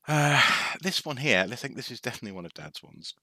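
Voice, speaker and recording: A man's voice: medium pitch, very animated, quick pace, bright, forceful tone, dry recording, clean studio sound. A man from North Wales chatting casually on a live stream, hesitant with lots of restarts and wry asides. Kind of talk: casual rambling show-and-tell.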